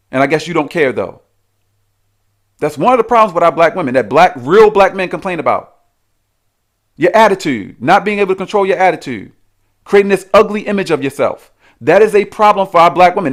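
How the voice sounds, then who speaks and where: High-voiced man ranting combatively. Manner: argumentative, repetitive, challenging. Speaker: commentary channel host. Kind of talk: reaction rant.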